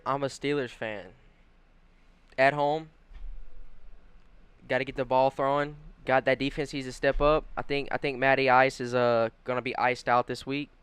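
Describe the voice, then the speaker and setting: A man's voice: medium pitch, flat delivery, normal speed, long pauses, a bit bright, clean tone, dry recording. A man on a casual sports podcast, giving brief, emphatic picks.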